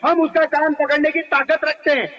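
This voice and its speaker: A man speaks as a guest in a heated televised debate, his voice high and bright. He is insistent and keeps stacking his points in lists. The audio is dull and lo-fi, like an old broadcast. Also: flat delivery, a little fast. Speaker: political guest.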